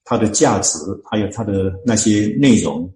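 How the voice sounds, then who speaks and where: A man, a church deacon and author, explains scripture in an interview, talking earnestly and slowly finding his words with many drawn-out fillers. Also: on the low side, dark tone, reverberant, poor audio. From Chinese-speaking, living in Canada.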